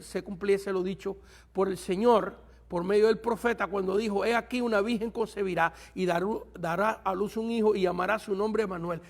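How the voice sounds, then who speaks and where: Male pastor, high and gravelly, lecturing a Bible class; stops mid-thought to find words, throws questions at the room. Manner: pauses to search for words; asks the class rhetorical questions.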